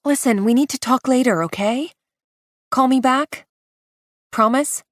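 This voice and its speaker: A woman reading an audiobook, voicing a brisk, distracted female friend on the phone, pitched higher than her narration. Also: dry recording, studio quality. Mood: hurried.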